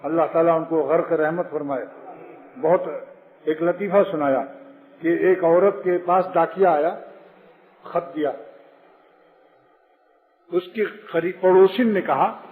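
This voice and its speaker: A man's voice: a little high, pauses often. A man giving a religious sermon, explaining his points and telling anecdotes. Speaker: preacher. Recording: phone-like with long hall reverb.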